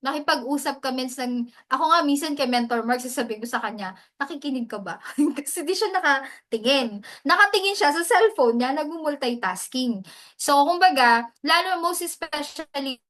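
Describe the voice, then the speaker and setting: A woman's voice: high-pitched, lively intonation, moderate pace, fairly bright tone. A woman giving a chatty, casual lesson on hosting, often slipping English into her talk. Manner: chatty, mixes English into Tagalog, often adds "mens". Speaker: hosting mentor.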